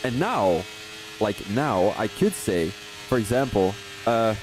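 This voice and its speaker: This Belgian sim racing commentator speaks slowly in a lowish voice, with music underneath and a rough recording. His live coverage drifts into chatty digressions, then jumps to excited calls on overtakes.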